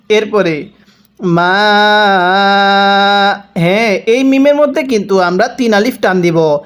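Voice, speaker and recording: A man from Bangladesh teaching Quran reading, chanting words slowly and drawn out, then explaining quickly and prompting listeners to repeat after him. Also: sits high. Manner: slow drawn-out recitation alternating with brisk explanation; asks and answers his own questions, prompting viewers to repeat. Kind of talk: spelling-out recitation lesson.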